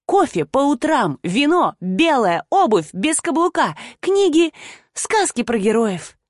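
A woman reading an audiobook voices the narrator's fiery young best friend, emotional and quick to anger. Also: mid-range voice, very animated, a little mellow, dry recording, clean studio sound. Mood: indignant.

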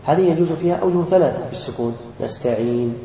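A man from Algeria teaching Quran recitation rules to a class. He explains slowly, chants the example words and quizzes his students. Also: on the high side, expressive, dark tone, reverberant, slight background noise, low-quality recording.

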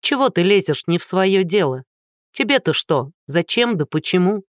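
A woman's voice: fairly low pitch, lively intonation, moderate pace, no echo, clean studio sound, natural voice. A narrator voicing a haughty, short-tempered actress in her thirties who talks down sharply. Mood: indignant. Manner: sharp, condescending.

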